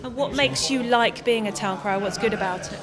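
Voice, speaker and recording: Female event interviewer, slightly high pitch, conversational questions, noticeable crowd chatter. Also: fairly quick. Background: crowd at an outdoor event.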